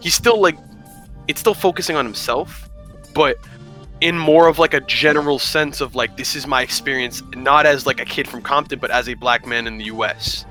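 Young man, twenties, bright tense voice, casual animated chat, faint music underneath. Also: medium pitch, moderate pace. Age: 20s. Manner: animated, lots of "like". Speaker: podcast host.

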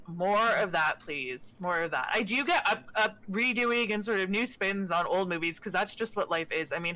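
A woman streamer in casual chat, talking with animated enthusiasm. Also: medium pitch, dull audio.

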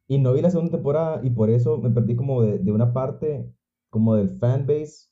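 A man's voice: mid-range voice, a little fast. A young man, rambling and hesitant in casual chat. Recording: dull lo-fi audio.

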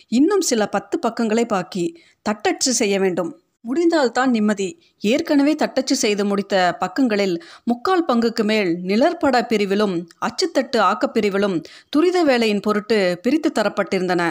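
A woman narrating a short story in an audiobook, reading in a steady, measured way. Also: medium pitch.

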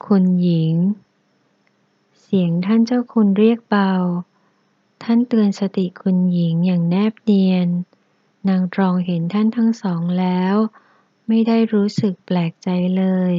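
Woman narrator, steady novel reading; dry, slightly dull audio. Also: mid-range voice, moderate pace, dry recording. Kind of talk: reading a historical novel aloud.

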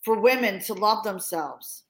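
A podcast host in a mid-range voice, animated and unhurried, conducts an interview. She's a warm, encouraging interviewer who affirms her guest and asks long questions, restarting as she poses them.

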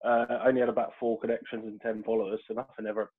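A man's voice: lowish voice, racing, husky. English man with a Portsmouth accent on a tinny call line. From Portsmouth, England. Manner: relaxed, storytelling, laughs easily. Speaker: podcast guest. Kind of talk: casual chat. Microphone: video call. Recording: tinny phone-like call audio.

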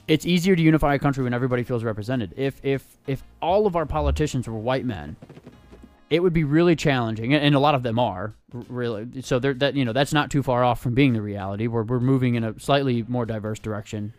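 Podcast host guy, calm explainer, trips over words a bit, mid pitch. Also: faint music behind. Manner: measured, explanatory, with stammered restarts. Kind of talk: casual political chat.

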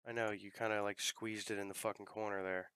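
A man with a lowish, flat voice talks fairly quickly, his tone pushed, bright and smooth in a dry recording. He hosts a podcast, chatting casually while gaming and swearing freely.

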